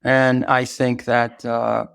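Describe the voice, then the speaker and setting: Older guy with a gravelly voice telling stories, lots of stops and restarts, dry close sound. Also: mid-range voice, little pitch movement, a bit bright, dry recording. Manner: halting, full of restarts and fillers. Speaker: guest, activist mentor. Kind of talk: reflective storytelling in conversation.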